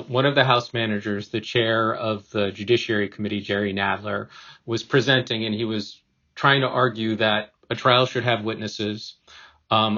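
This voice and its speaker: A man's voice: fairly low pitch, bright, forceful tone. A man explaining news events on a podcast as an editor and commentator. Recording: slightly dull, lo-fi sound.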